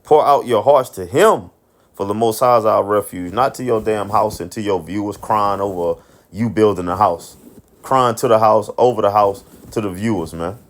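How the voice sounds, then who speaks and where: A man with a fairly low voice preaches in a loose, street-talk way, reading out verses and then unpacking them. He tacks "man" onto nearly every phrase and swears freely. He stumbles over repeated words and throws questions out only to answer them himself. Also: fairly even intonation, normal speed. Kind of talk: informal scripture commentary.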